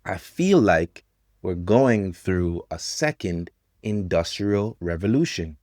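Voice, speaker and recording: A man in his thirties teaching English to learners, talking about technology in slow, simple sentences with pauses. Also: low voice, very animated, darkish tone, no echo, studio quality. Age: 30s.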